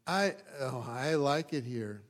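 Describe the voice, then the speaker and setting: With a medium pitch and an animated delivery, a Californian pastor from the United States preaches in a casual, chatty way. His folksy, self-deprecating sermon frequently pauses so he can check in with the congregation.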